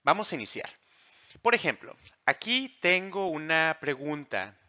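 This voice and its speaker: A man teaching an English grammar lesson, explaining slowly and asking the class questions that he then answers himself. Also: a little high, very animated, bright, forceful tone. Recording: dull lo-fi audio.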